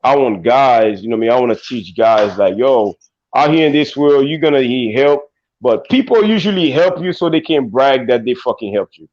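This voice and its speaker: A Haitian-born man talks in a blunt, profane way, his speech packed with fillers. He is at a middle pitch in a dry room, and the stream audio is dull and lo-fi. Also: normal speed, a little mellow, no echo. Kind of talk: casual streamed chat.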